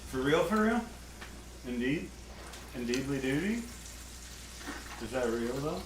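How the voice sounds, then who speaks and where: Slow, goofy man in a noisy echoey room. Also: mid-range voice, very animated. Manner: slow, goofy, drawn-out jokey talk. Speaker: co-host. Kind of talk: casual chat on a livestream. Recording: echoey room, mic far off, background noise.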